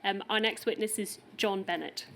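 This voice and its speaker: A woman's voice: mid-range voice, moderate pace, fairly bright tone, a little hiss or hum. Northern Irish woman questioning a witness. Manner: polite, clear and methodical. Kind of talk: formal questioning. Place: inquiry hearing room.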